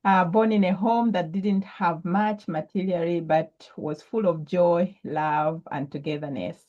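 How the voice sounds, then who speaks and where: A woman's voice: fairly low pitch, fairly even intonation, unhurried, dull audio. A woman from Zambia, a guest entrepreneur, answering interview questions thoughtfully with frequent ums and restarts.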